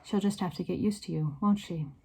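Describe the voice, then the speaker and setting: A woman voicing a calm, no-nonsense old grandmother who speaks firmly and matter-of-factly. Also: fairly low pitch, fairly quick, creaky, husky. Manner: firm and matter-of-fact.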